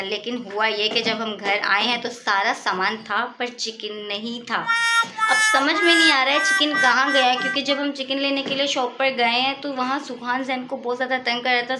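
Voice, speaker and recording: A woman's voice: fairly high pitch, noisy background. A young woman chatting casually in a home vlog, coaxing her toddler in a sing-song voice. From Pakistan. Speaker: family vlogger and mother. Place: home by a window. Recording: loud background music. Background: loud music.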